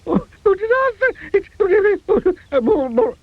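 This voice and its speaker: A man's voice: very high voice, sing-song, measured pace, voice pushed up, full character voice. A man voicing a jittery, timid little man who shrieks and stammers in panic. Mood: terrified. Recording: dull lo-fi audio.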